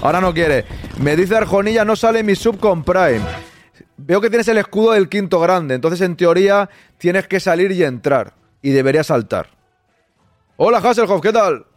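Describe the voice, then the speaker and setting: A man with a Spanish accent hosting a live stream, greeting viewers by name with quick, animated asides. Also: high-pitched, soft background music. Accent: Spanish from Spain. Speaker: live-stream host reading chat. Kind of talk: casual live-stream chat.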